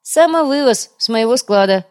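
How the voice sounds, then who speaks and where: A woman's voice: medium pitch, animated, fairly quick, lightly acted. A woman voicing a sly, greedy male trader who talks in an ingratiating, chatty way for an audiobook.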